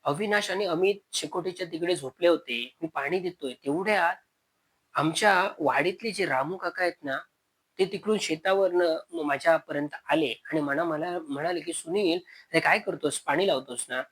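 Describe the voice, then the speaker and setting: A man's voice: fairly high pitch, normal speed, fairly bright tone, husky, rough recording. A man with a Konkan Marathi accent narrating a spoken village horror story, acting out frightened calls to a missing brother.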